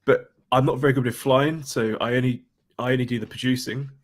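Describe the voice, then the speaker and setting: A man's voice: mid-range voice, fairly even intonation, fairly quick. A man, chatting casually as a guest and often restarting his sentences. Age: 20s. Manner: hesitant, many restarts and fillers. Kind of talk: casual chat.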